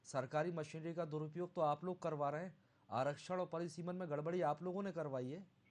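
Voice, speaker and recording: A man with a somewhat high voice moderates a news debate, cutting in with sharp, pressing questions. He keeps steering the guests back to his point. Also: steady tone, a little fast. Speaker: news anchor.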